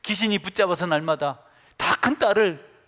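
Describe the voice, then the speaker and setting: A man delivers a sermon, dropping to near-whispers and then rising loud and emphatic. His voice sits a little high for a man. It carries a long reverb, as in a large church hall. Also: normal speed. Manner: swings between hushed, intimate asides and loud, emphatic preaching. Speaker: pastor.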